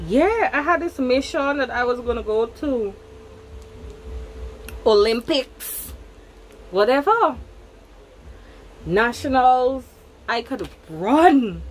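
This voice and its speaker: A woman's voice: high-pitched, expressive, slow, pauses often, a little hiss or hum, poor audio. A young woman with a Guyanese Creole accent tells a personal story in casual chat, repeating words for emphasis. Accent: Guyanese Creole English. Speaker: vlogger.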